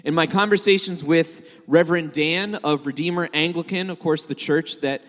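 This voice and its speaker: A man's voice: fairly high pitch, normal speed, fairly bright tone. A man giving a sermon to a congregation, joking and conversational with filler words. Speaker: messianic rabbi preaching. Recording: long hall reverb.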